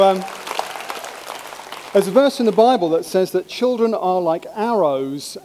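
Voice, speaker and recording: Preacher in a reverberant hall. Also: male voice, sits high. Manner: humorous, animated storytelling with mimicked voices. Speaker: pastor. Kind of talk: sermon. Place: church hall.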